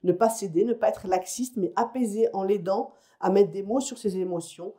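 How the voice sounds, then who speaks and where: A woman's voice: mid-range voice, moderate pace, warm tone. A woman psychologist giving a conference lecture to parents. She explains in a conversational way and often checks in with her listeners. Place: lecture hall or conference room.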